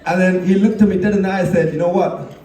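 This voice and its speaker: A man's voice: high voice, fairly even intonation, racing, darkish tone. Joking best man in an echoey hall. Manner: teasing storyteller, laughs at his own jokes. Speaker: best man giving a wedding speech. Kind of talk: joking wedding speech. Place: wedding reception hall. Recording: echoey hall, mic at a distance.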